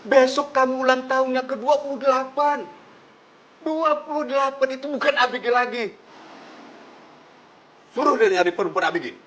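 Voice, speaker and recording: A man's voice: extremely high pitch, normal speed, long pauses, a bit bright. An actor playing a stern, protective grandfather in his later years, scolding his granddaughter firmly. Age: older. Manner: firm, scolding.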